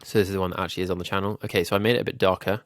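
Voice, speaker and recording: A man's voice: deep voice, little pitch movement, racing, dry recording. A man with a nasal, slightly ill voice, thinking aloud with frequent ums while walking through a design tutorial. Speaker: YouTube growth coach. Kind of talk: screen-recorded design tutorial.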